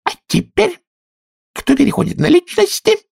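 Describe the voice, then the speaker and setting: A man's voice: extremely high pitch, huge pitch swings, normal speed, vocal fry, darkish tone, no room sound, clean studio sound, voice pushed up, full character voice. A man voicing a cheeky, argumentative hatter in a storybook, needling with a raised voice. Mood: mocking. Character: mocking, argumentative male hatter.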